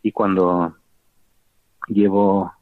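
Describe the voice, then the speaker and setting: Low-voiced Sevillian man, halting gentle testimony, dry tinny radio sound. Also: level tone, dry recording. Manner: halting, many fillers and tag questions, gentle. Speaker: layperson giving a faith testimony. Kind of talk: spoken personal testimony. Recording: tinny phone-like radio broadcast.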